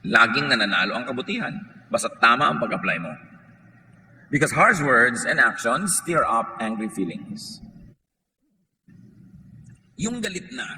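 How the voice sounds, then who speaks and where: Filipino pastor man preaching, bright voice jumping all over in pitch, big echoey church hall. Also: a little hiss or hum. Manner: switches between Tagalog and English, quotes scripture, jokes with the congregation. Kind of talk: sermon. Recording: long hall reverb, faint room ambience.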